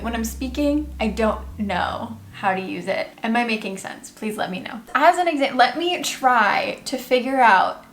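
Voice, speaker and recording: A woman's voice: a little high, echoey room, a little hiss or hum. A young American woman talking casually to camera about her struggles with learning French, chatty and self-mocking. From United States. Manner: chatty, self-mocking, quick bursts of talk.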